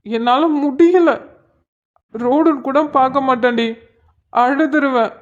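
A woman's voice: high voice, takes it slowly, lo-fi sound. A woman voicing an exasperated young college man in a cartoon, pleading and groaning as his girlfriend nags him. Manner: pleading, put-upon groaning. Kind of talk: cartoon voice acting.

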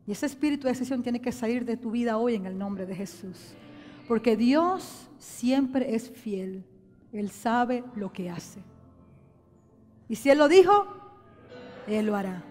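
A woman pastor delivers an impassioned sermon in a high, lifted voice. She swings between loud, stressed phrases and quiet, hushed ones. Her words ring through a long church reverb, with soft music playing beneath. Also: lively intonation, measured pace, pauses often. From Venezuela.

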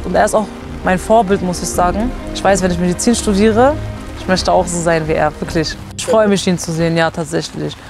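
A woman's voice: lowish voice, steady tone, brisk, creaky. A woman in her twenties from Germany, telling her own story in a candid, casual documentary interview, recorded outdoors in a garden with a lapel mic. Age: 20s. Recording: music bed behind the voice.

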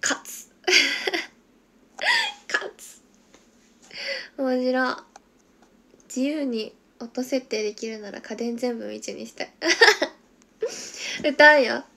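Giggly young woman with a gravelly edge. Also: a little high, fairly even intonation, slow pace, long pauses. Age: 20s. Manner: giggly, drops to a soft whisper while reading comments. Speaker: idol livestreamer. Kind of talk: casual livestream chat reading viewer comments.

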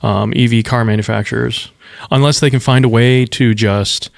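A man's voice: medium pitch, fairly even intonation, normal speed, creaky, dry recording, studio quality. A young man co-hosting a tech podcast, chatting in an easygoing way with short replies. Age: young adult. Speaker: podcast co-host. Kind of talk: casual tech chat.

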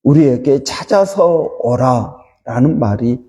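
A man pastor leading an early-morning prayer sermon, slow and halting with many fillers. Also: mid-range voice, expressive, warm tone, husky, in a large hall.

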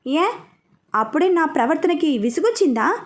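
A woman voicing a blunt, gruff young man who speaks curtly and dismissively. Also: sits high, lively intonation, moderate pace. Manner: curt, dismissive.

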